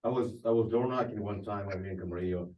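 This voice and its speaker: A man in a sales class telling a story from his work, halting now and then with fillers. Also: on the low side. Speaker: real estate agent in class. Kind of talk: anecdote in class discussion. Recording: distant, muffled room mic.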